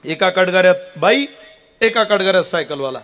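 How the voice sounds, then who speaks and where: A man preaching a kirtan sermon, telling a story and acting out its characters with sudden loud outbursts. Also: sits high, lively intonation, a little fast.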